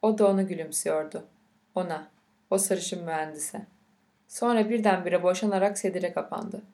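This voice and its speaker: Woman with a measured, unhurried reading voice. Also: on the low side, dark tone. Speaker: narrator. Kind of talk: audiobook reading of a novel.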